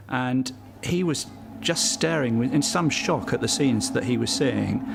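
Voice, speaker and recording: Matter-of-fact cameraman with a gravelly voice. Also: mid-range voice, heavy background noise. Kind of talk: interview recollection.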